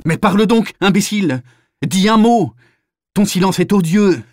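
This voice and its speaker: A man's voice: fairly high pitch, moderate pace, no echo, close to an everyday voice. Brief: man doing a brutal officer, harsh and exasperated, dry close recording. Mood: furious. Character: cruel, impatient male officer.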